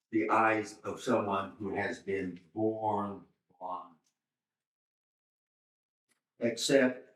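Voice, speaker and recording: An older man, a seminary professor, slowly reading and explaining scripture to a class. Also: lowish voice. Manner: slow, deliberate, pauses to explain Greek words. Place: church hall. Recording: roomy church hall, mic far off.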